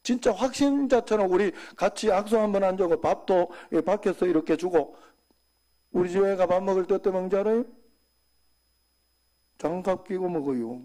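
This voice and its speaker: A man preaching a sermon as senior pastor, talking conversationally and dropping suddenly to soft, quiet asides. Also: sits high, moderate pace.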